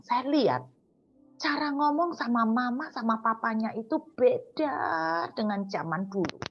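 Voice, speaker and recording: East Javanese woman preaching slowly and earnestly. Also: fairly high pitch, lo-fi sound. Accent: East Javanese Indonesian. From Surabaya, East Java. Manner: conversational, slows down to stress words. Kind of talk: morning devotional sermon.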